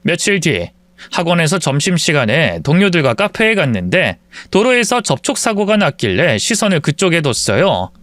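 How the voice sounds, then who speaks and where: A man's voice: a little high, sing-song, normal speed, a bit bright, no echo. A man narrating a real-life story in first person as the wife, also voicing her quoted lines in arguments. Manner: reads the wife's part in first person, voicing both sides of arguments.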